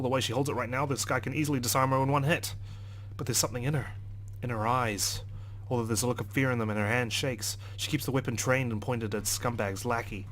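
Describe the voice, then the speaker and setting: A let's player reads a visual novel aloud with theatrical flair, breaking off now and then for asides. His mid-range voice is slightly bright, and the recording carries a faint hiss or hum.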